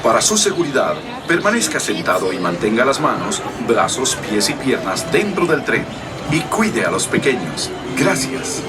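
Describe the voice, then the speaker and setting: A man's voice: mid-range voice, very animated, normal speed, over loud music. A man delivering a scripted passenger safety announcement as a ride announcer.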